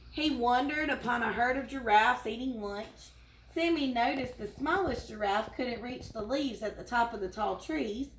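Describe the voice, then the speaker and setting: A teacher reads a children's storybook aloud in a warm, expressive way. Her voice sits a little high for a woman. The room gives it a roomy echo. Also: a little hiss or hum.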